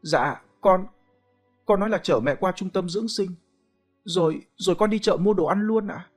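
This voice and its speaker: A man voicing a meek young daughter-in-law who answers in a hurried, stammering, deferential way. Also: on the low side, a little mellow, faint music behind, voice pushed up, close to an everyday voice. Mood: anxious.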